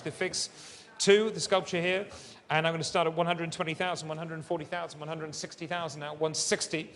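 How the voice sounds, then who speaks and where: High-pitched male fine art auctioneer in reverberant hall. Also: a bit bright. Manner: polished, courteous fine art auctioneer patter. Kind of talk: live auction calling, repeating bids. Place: large auction saleroom. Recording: long reverberant hall sound.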